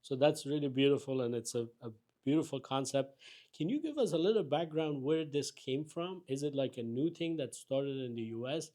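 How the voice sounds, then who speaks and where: Mellow-voiced man hosting an interview. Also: medium pitch, moderate pace. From Afghanistan. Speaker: interview host. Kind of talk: conversational interview.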